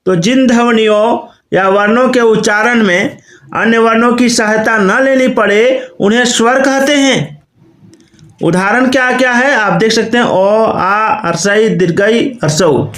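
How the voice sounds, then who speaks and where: Male Hindi grammar teacher, high-pitched and unhurried, in an echoey room. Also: a bit bright. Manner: slow, explains step by step and often repeats the question; says "okay" and "you can see" often. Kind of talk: recorded online lesson.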